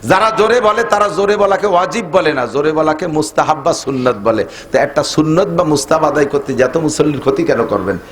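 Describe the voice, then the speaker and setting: A middle-aged man preaches a waz sermon, his somewhat high voice emphatic and insistent. He keeps asking the listeners whether he is right. The sound echoes as if through a public-address system. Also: fast, hardly any pauses. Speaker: Islamic preacher.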